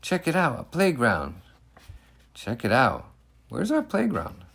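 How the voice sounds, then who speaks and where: Man putting on an excitable, high-pitched little boy. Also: takes it slowly, creaky, breathy edge, exaggerated voice. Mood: excited. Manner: exclaiming, bouncy, childlike. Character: playful, excitable young boys in a picture book.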